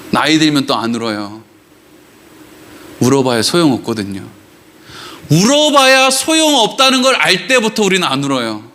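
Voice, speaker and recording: A man's voice: on the high side, sharp tone, slight background noise. A male pastor preaching a Sunday sermon in a conversational way, often asking the congregation rhetorical questions.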